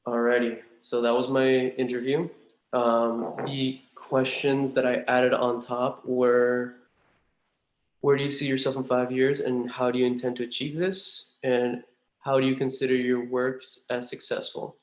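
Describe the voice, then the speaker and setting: A man's voice: medium pitch, little pitch movement, unhurried, slight background noise. A young man answering mock medical school interview questions, earnest, with frequent ums and uhs, recorded in a big echoey room at home. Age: young adult. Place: large room at home with a bare wall. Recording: echoey room in a large house.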